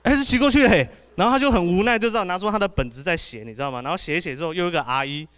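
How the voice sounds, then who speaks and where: A man with a Taiwanese Mandarin accent doing an animated stand-up set, often asking the audience "you know?". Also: sits high, rapid-fire, clean tone. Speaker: podcast host doing stand-up.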